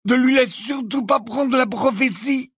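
A man's voice: very high-pitched, measured pace, fairly bright tone, husky, no room sound, clean studio sound, voice pushed up, full character voice. A man voicing a fierce, injured teenage boy wizard in a storybook reading.

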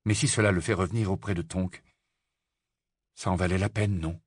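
A man voicing an angry, defiant teenage boy wizard in an audiobook, with a sharp and accusing delivery. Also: mid-range voice, normal speed, slightly rough, dry recording, clean studio sound. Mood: apologetic. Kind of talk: audiobook character voice.

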